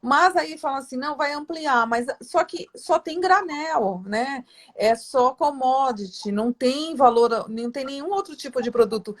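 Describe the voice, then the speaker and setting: A woman's voice: sits high, normal speed. A woman from Santos, Brazil, hosting an interview in a chatty, rambling way, full of fillers and tag questions. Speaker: interview host. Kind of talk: casual interview chat.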